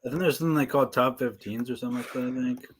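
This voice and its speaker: A man with a middle-pitched voice rambles through a casual reaction-stream chat. He piles up fillers and circles back on his points. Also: steady tone, very fast, breathy edge. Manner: rambling, filler-heavy, loose. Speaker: stream co-host reacting to videos.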